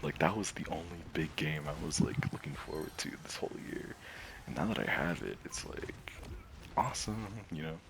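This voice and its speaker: Very deep gravelly man, rambling chat. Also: expressive, normal speed, a little hiss or hum. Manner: rambling, many fillers, laughs often, drops to soft near-whispers. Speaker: streamer and gamer. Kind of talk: casual rambling monologue.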